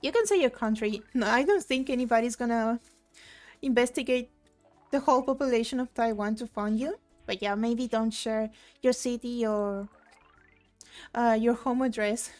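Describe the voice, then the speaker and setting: Game music plays behind a young woman from Argentina as she chats casually on a live stream while gaming. She talks at a normal speed in a fairly high, slightly mellow voice, rambling with fillers and reading messages from chat out loud.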